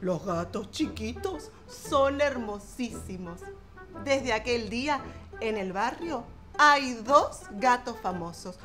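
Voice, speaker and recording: A woman tells a children's story. Her voice sits high and swoops widely, unhurried, playful and full of voiced sound effects. Music plays behind her. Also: fairly bright tone.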